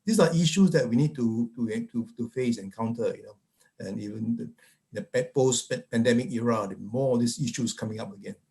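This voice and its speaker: A man from Malaysia, a psychiatrist on a webinar panel, firing off rhetorical questions with halting restarts over a video call. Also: mid-range voice, vocal fry, dark tone.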